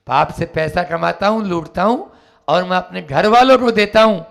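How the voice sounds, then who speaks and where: A man voicing a fierce, boastful male robber who threatens loudly, inside a spoken sermon. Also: sits high, normal speed, gravelly. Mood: defiant.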